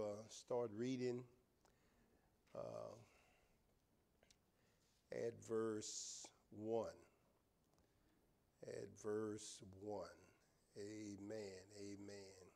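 A man's voice: mid-range voice, darkish tone. An older man preaching a sermon from the pulpit of a church sanctuary, drawing out his words and repeating amens. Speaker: pastor. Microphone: pulpit microphone, far camera.

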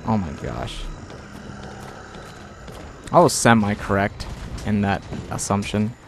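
A man's voice: lowish voice, animated, takes it slowly, gravelly, a little hiss or hum. A young man giving casual gameplay commentary with playful, self-mocking banter.

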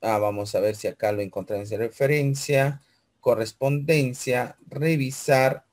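A man's voice: medium pitch, fairly even intonation, unhurried, a little mellow. A man teaching a computer class, talking the students through each step and often checking in with them. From Peru. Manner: walks through steps aloud, keeps checking with "¿ve?" and "chicos"; asks questions in a student's voice, then answers them. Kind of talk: screen-recorded computer class.

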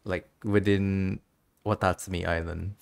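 Streaming a game, a man with a fairly low, gravelly voice chats casually and giggles often. His commentary is informal and conversational, delivered slowly in a steady tone.

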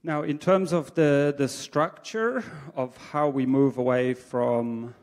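Speaking from a dark stage with a projection screen behind him, a man gives a conference presentation through a handheld microphone, with English as his first language. The voice is mid-range and darkish in tone; he sounds considered, pausing on ums and restarting often, all under the long reverb of a large theatre.

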